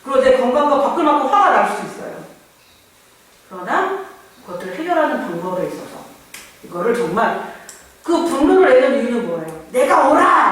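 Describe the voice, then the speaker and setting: Pastor preaching casually, voice jumps up and down a lot, booming echo, mic far off. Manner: conversational, acts out inner voices. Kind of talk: sermon. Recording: very echoey church, far mic.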